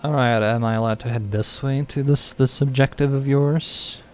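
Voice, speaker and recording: A man's voice: mid-range voice, steady tone, moderate pace, darkish tone, faint music behind. A man giving casual let's-play commentary while streaming a game, rambling and joking with lots of "like" fillers. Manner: rambling and joking, heavy use of "like". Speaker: gaming streamer.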